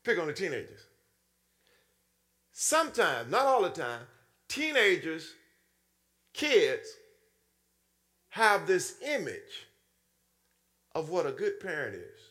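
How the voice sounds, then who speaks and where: A man's voice: wildly swooping pitch, takes it slowly, long pauses, bright, forceful tone. A man preaching a sermon in a style, calling out to the congregation and acting out little scenes in swooping voices. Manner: call-and-response preaching, frequent "Hmm?" to the congregation; acts out voices with sudden high swoops and low drops.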